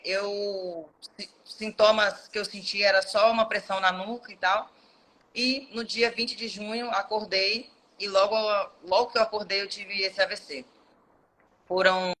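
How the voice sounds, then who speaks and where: A woman's voice: medium pitch, bright, forceful tone, low-quality recording. A woman in her thirties telling an emotional personal testimony as an interview guest, speaking earnestly. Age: 30s.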